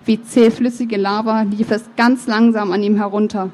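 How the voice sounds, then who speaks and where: A woman author reading her novel aloud, with measured, expressive first-person narration and the odd slip of the tongue. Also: medium pitch. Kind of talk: book reading.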